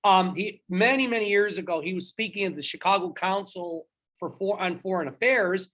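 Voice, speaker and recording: A man's voice: high voice, normal speed, a bit bright. A male history teacher gives a recorded lecture in a chatty, friendly way. He speaks straight to his students and stops now and then to quiz them on trivia.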